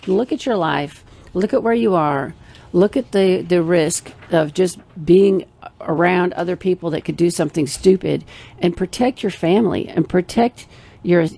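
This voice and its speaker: A woman's voice: fairly low pitch, gravelly, dark tone. A middle-aged woman co-hosting a radio show, chatting in a rambling, emphatic way. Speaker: radio show co-host, financial planner. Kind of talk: casual radio chat.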